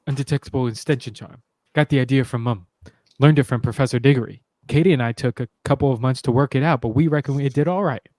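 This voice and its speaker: A man voicing a calm, planning young male wizard in a fan voice-acting read-through, talking in a steady, matter-of-fact way. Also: medium pitch, quick pace, dry recording, close to an everyday voice.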